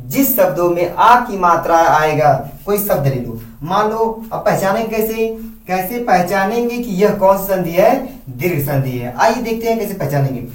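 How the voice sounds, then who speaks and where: A man with a fairly high voice teaches a grammar lesson. He repeats himself and asks questions that he answers himself. He is recorded from a distance in an echoey room. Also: animated, moderate pace.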